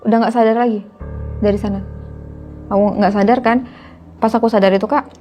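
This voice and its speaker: A woman's voice: medium pitch, steady tone, a little fast, warm tone, faint music behind. A young woman, telling a horror story casually to a host, often addressing the host as "Kak". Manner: chatty, keeps addressing the listener as "Kak". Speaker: guest storyteller.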